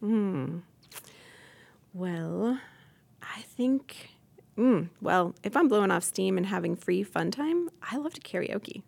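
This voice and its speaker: A woman in her thirties, a podcast guest, talking earnestly and thoughtfully on a faith podcast, pausing and restarting as she thinks. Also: medium pitch, lively intonation, vocal fry, a little mellow. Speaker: podcast guest, incoming host.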